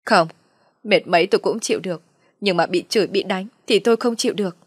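A woman's voice: mid-range voice, quick pace, slightly rough, no room sound, clean studio sound, lightly acted. A woman voicing a self-pitying, theatrical farm woman near sixty who complains tearfully. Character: wailing self-pitying old farm woman, mother-in-law.

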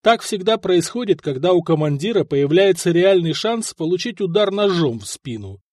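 Male audiobook narrator, expressive and dramatic; lively pitch, dry close read. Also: normal speed, no echo. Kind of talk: audiobook narration of historical fiction.

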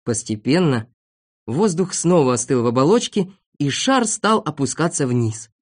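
Brief: expressive storybook narrator, animated pitch, steady mid voice. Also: moderate pace. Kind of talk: children's story reading.

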